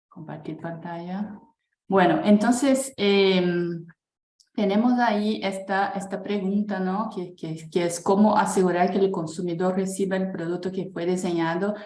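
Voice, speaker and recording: A native Portuguese speaker with a Brazilian accent gives a webinar presentation as a guest speaker, talking slowly and hesitantly, using fillers and restarting phrases. Her low, slightly mellow voice has a roomy echo over the video call.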